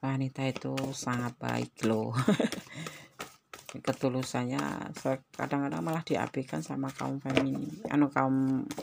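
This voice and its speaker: A woman's voice: extremely low pitch, level tone, measured pace, gravelly, pauses often, noisy background. A woman giving a chatty, exclamatory tarot reading to her viewers. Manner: chatty and exclamatory, with frequent religious interjections. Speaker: tarot reader.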